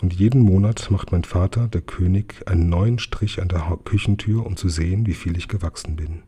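A man narrating a children's audiobook in a calm, measured way. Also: sits low, slightly rough. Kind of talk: audiobook reading.

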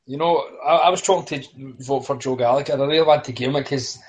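A man in a casual group chat, talking excitedly and swearing freely. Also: medium pitch, fast talker, poor audio. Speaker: podcast panelist.

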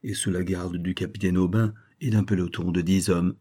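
A man's voice: low-pitched, little pitch movement, moderate pace, dark tone, husky. A man reading the lines of a loyal young hussar who speaks plainly and respectfully to his commander. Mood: sorrowful.

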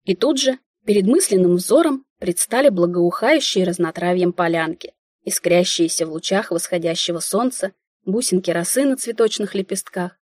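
Husky lady reading a first-person audiobook, wry and lively, dry close mic. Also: fairly low pitch, moderate pace, no echo. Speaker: audiobook narrator.

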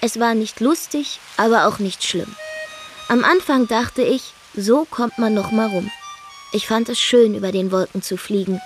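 A woman's voice: on the high side, unhurried, faint music behind, lightly acted. An actress narrating a radio drama monologue as a brash, defiant young woman from Zeeland, with a dry, wry storytelling manner. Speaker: first-person narrator.

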